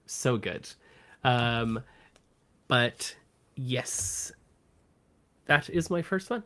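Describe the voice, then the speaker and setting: Slow-talking podcast co-host. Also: medium pitch, lively intonation, a little hiss or hum. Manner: slow, warm-hearted, gushing storyteller. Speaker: podcast co-host and convention artist. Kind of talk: casual podcast chat.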